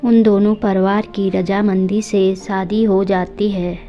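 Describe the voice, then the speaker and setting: A woman tells a story in a plain, even storytelling voice of middle pitch with little rise and fall. The narration sounds dull and lo-fi. Soft music plays underneath. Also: slow pace.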